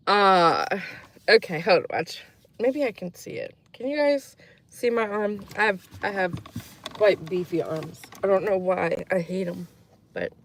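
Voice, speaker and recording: A woman from Croatia with a medium-pitched, fairly bright voice tells casual stories to a live chat as a streamer. She wanders from point to point with many fillers and dramatizes the voices of those she quotes.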